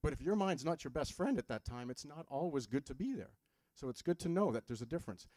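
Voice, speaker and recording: A man's voice: on the high side, animated, fast talker, warm tone, no room sound. A man who works with patients gives a live health seminar in a conversational way, asking the audience questions and dropping jokes. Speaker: health practitioner giving a seminar.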